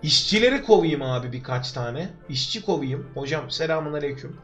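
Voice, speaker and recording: A young man from Turkey talks through a game live from his room, his voice sitting high as he chats with viewers and jokes to himself. Quiet music runs faintly underneath him. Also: lively intonation, a little fast. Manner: chatty, joking, talks to chat and to himself. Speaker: livestreamer. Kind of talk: live gameplay commentary. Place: home room. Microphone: desk microphone.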